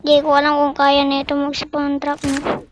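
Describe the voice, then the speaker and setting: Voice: sits high, completely flat delivery, moderate pace, slight background noise. A young-sounding gamer gives casual, chatty commentary while playing and keeps repeating short exclamations. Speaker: gaming streamer. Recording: loud game gunfire behind the voice.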